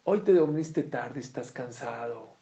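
A man with a gravelly voice voicing a sly male tempter spirit who coaxes softly and persuasively. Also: mid-range voice, measured pace. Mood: coaxing. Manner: coaxing, soft and persuasive.

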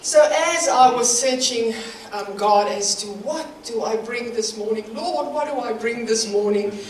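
Her voice sits a little high and her delivery runs a little slow as this middle-aged South African woman, with a South African accent, preaches as a guest. The sermon is slightly nervous, with light laughter between phrases, and comes from a roomy church hall recorded far off. A little hiss or hum can be heard.

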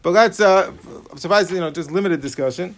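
A man's voice: high-pitched, brisk. An American man teaching religious law as a rabbi, with a Yiddish- and Hebrew-peppered yeshiva way of speaking, animatedly acting out little hypothetical exchanges. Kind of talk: religious law lecture with questions from students.

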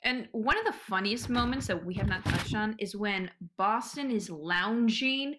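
A woman's voice: mid-range voice, measured pace, fairly bright tone. A woman co-hosting a casual recap podcast, walking through the events plainly and swearing casually. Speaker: podcast co-host.

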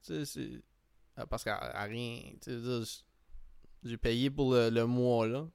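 A man's voice: medium pitch, fairly even intonation, a little slow, creaky, a little mellow, clear, resonant tone, no room sound. A man with a Quebec French accent chatting casually, rambling and repeating himself as he tells anecdotes, dropping in English slang. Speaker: podcast host. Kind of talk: casual chat, comic anecdote.

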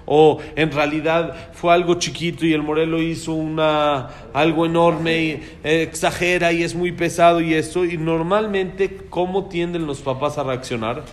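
A man's voice: fairly high pitch, fairly even intonation, normal speed, few pauses. A man teaching a religious class on raising children, speaking emphatically and putting questions to his listeners. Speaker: Torah teacher.

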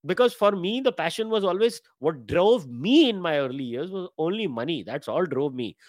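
A man in his forties with an Indian English accent, hosting a podcast interview and talking quickly and animatedly, mixing in Hindi. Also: fairly high pitch, animated, no echo, clean studio sound. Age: 40s. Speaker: podcast host. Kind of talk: conversational interview.

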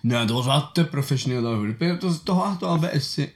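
Blunt Flemish podcast co-host. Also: male voice, mid-range voice, expressive, fairly quick. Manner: blunt, mixing in English slang. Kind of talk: casual chat.

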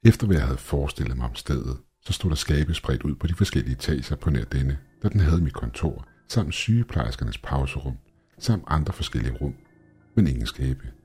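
Very deep, husky male horror narrator. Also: lively intonation, dark tone, soft background music. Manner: tense, measured storytelling.

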